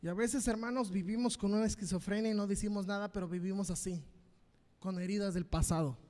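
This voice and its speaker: A man with a Mexican Spanish accent preaching a sermon as pastor, fervent and repetitive, swinging between loud and quiet. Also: high-pitched, fairly even intonation, brisk, in a large hall. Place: church hall.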